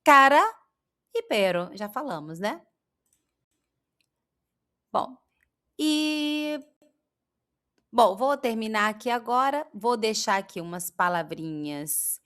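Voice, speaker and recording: A woman with a Brazilian accent teaching pronunciation, drawing out and repeating example words slowly. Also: mid-range voice, animated, a bit bright. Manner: slow, drawn-out demonstrations of sounds. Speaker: Spanish teacher. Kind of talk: pronunciation lesson.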